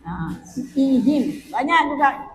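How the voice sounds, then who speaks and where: Woman, recitation teacher, slow and patient, chanted verses, long reverb, faint ambience. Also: sits high, sing-song, a little hiss or hum. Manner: corrects mistakes patiently, addresses listeners as "Bu". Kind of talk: tajwid lesson with sung recitation.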